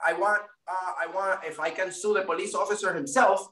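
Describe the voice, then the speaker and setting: This casual interview features a guest who is a First Amendment auditor from Puerto Rico, raised in Florida. His high, bright voice has fairly even intonation and runs a little fast as he rambles, repeating and restarting often. He is far from the mic in a strongly echoing room.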